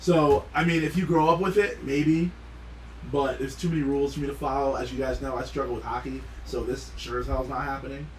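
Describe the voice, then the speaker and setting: A man's voice: medium pitch, fairly even intonation, a little fast. A man co-hosting a podcast, rambling through casual sports talk and asking amused questions. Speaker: podcast co-host. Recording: echoey room with faint noise.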